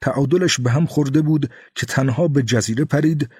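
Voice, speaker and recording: Husky guy narrating a story, steady even read, dry close mic. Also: medium pitch, no echo. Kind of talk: scripted narration.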